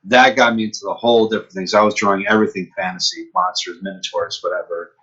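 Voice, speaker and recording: Guy in his 50s from upstate new york telling stories on a podcast, fairly low voice but bright and husky, plays out the back-and-forth when he quotes people. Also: fast talker, highs cut off. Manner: lively storyteller who acts out quoted exchanges. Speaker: podcast guest, comic book artist. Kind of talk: casual storytelling chat.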